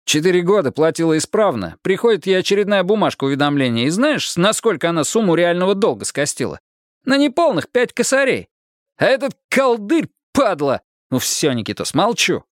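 Man as hot-headed cop sergeant, rough talker, pitched up, animated. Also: brisk, dry recording, clean studio sound. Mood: grumbling. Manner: rough, swearing, blunt. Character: coarse blunt male police duty sergeant, hot-tempered.

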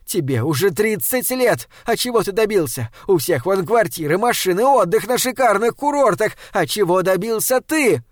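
A man's voice: a little high, animated, moderate pace, hardly any pauses, no room sound, clean studio sound, close to an everyday voice. A man voicing a furious, scornful young woman in an audiobook, screaming insults and sneering.

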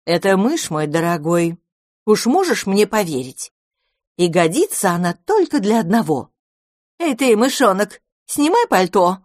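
A woman voicing a huge grey mother cat in a storybook, speaking in a drawn-out, insinuating way. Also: mid-range voice, sing-song, a little mellow, no room sound, studio quality. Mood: disdainful.

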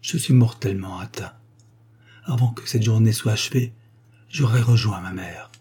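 A man's voice: on the low side, normal speed, dark tone, husky. A man voicing a frail, serene young girl on her deathbed, speaking in a faint, weakened voice that sometimes drops to a whisper, as in a read-aloud novel.

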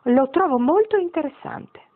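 Lady putting on a shy little girl voice, high and earnest, thin phone-like sound. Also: lively intonation, normal speed. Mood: timid.

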